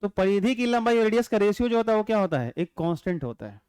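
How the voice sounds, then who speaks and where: A man teaching physics in a calm, unhurried way, chatting and joking with students and often checking whether they follow. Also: sits high, clear, resonant tone, no echo, clean studio sound. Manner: chatty, joking asides, constant rhetorical check-ins. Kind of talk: classroom lecture.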